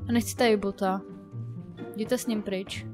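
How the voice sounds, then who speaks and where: A young woman giving flustered, excitable commentary while playing a shooter game, often shrieking and laughing, her throat sore from yelling. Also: mid-range voice, soft background music. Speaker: gaming YouTuber. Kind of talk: casual gameplay commentary.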